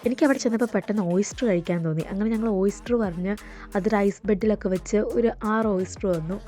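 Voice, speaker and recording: A woman travel vlogger narrates casually. Her voice sits at an average pitch for a woman. Light music plays behind her. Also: fast talker, mellow.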